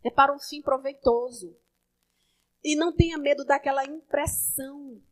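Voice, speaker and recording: High-voiced woman pastor preaching. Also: steady tone, normal speed, low-quality recording. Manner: conversational preaching, swings between soft asides and emphatic calls. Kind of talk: sermon.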